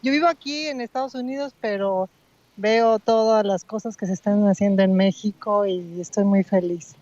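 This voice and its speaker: Una mujer de la Ciudad de México, entrevistada en la calle, responde con entusiasmo. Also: female voice, medium pitch, steady tone, normal speed, darkish tone, no room sound, highs cut off. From Mexico City. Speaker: supporter interviewed on the street. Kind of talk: street interview.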